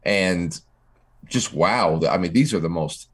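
A man's voice: deep voice, slow, husky. A man co-hosting a casual political talk show, stammering and restarting as he gets worked up. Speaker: podcast co-host.

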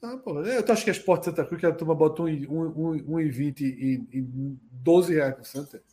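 A man's voice: a little high, normal speed, dark tone. A man chatting casually as a podcast co-host, full of slang and swearing. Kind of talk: casual chat, anecdotes about betting.

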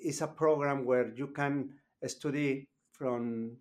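A graduate student guest in a conversational interview speaks hesitantly, often repeating words while searching for phrasing. His mid-range voice is slow and steady in tone.

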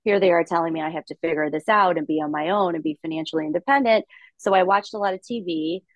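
A middle-aged woman from Latvia speaks as an interview guest, articulate and upbeat, pitched a little low. The sound is dry and close, with no room around her. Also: fast talker, no room sound. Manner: articulate, upbeat storytelling with light laughs. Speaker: podcast guest, investor. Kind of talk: conversational interview.

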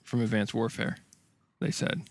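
Man tossing in quick jokes on a podcast. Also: mid-range voice, gravelly, dry recording. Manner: quick joking interjections. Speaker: podcast guest. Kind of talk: casual gaming podcast chat.

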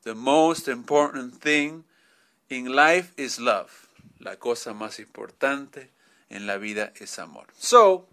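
A male teacher walks through a grammar lesson at an unhurried pace. His voice is bright and forceful. He repeats points and checks in with his class often. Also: mid-range voice, animated. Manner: explains slowly, repeats "¿ok?" often. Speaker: English teacher.

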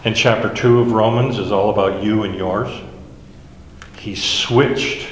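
A man's voice: fairly low pitch, fairly even intonation, a little slow, slight background noise. A man leading a Bible study, explaining verses one by one in a conversational way. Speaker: Bible teacher. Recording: echoey hall with faint ambience.

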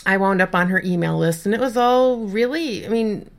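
A woman's voice: mid-range voice, moderate pace. A woman co-hosting a podcast in casual chat, telling a self-deprecating story and often repeating words as she starts a sentence. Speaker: podcast co-host.

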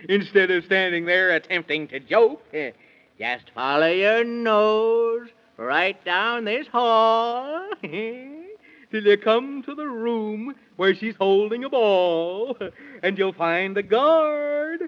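A man's voice: high-pitched, lively intonation, slow pace. A man playing a giddy, rhyming, nonsensical Mad Hatter in a 1930s children's radio play, with a giggly, sing-song delivery. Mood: gleeful, chiding. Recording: muffled vintage 1930s radio recording.

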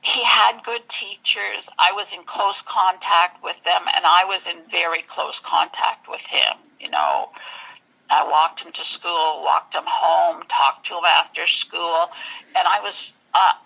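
A woman telling her personal story in an interview, halting and searching for words. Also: fairly low pitch, lively intonation, vocal fry, sharp tone, lo-fi sound. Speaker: interview guest.

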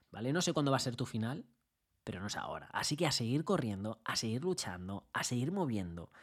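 Chatty man giving a pep talk. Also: mid-range voice. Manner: conversational, peppered with rhetorical tag questions; builds a vivid scenario, jumps into shouted bits. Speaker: motivational speaker. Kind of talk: motivational audio talk.

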